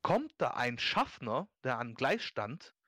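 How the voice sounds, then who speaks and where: A man's voice: medium pitch, slow pace, no room sound, clean studio sound. A young man hosting a podcast, telling a story in casual, slangy German-style chat and acting out the people in it. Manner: animated storytelling, slangy, acts out quotes. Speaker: podcast host.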